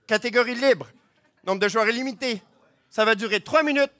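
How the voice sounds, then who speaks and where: A man's voice: very high voice, a little fast, very noisy. A man with a Québécois accent refereeing a live improv match, announcing themes and rules emphatically.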